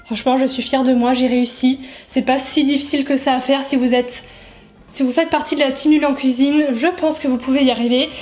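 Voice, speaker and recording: A young lifestyle YouTuber with a high, bright voice casually answers viewer questions while cooking in her home kitchen, talking fairly quickly with fairly even intonation. She's self-mocking and loose, full of fillers. A camera mic a bit away catches the sound bouncing around the echoey room.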